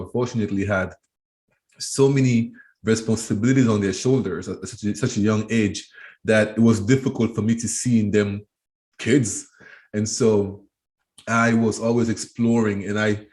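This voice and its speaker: A Cameroonian education trainer in his thirties answers interview questions as a guest, speaking thoughtfully. His voice is lowish and a little mellow, and he often restarts and repeats words as he thinks.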